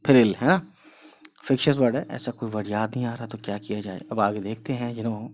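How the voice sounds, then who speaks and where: A man's voice: on the low side, fairly even intonation, brisk, darkish tone. Chatty man teaching script writing. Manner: chatty, repeats "you know" and "guys", explains while writing. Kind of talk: casual online writing lesson.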